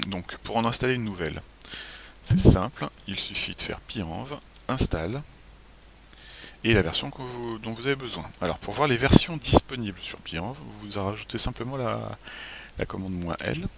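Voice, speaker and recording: Man, low voice, faint hiss. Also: normal speed. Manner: relaxed, clears throat often, hesitant restarts. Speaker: software tutorial presenter. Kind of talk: screencast walkthrough.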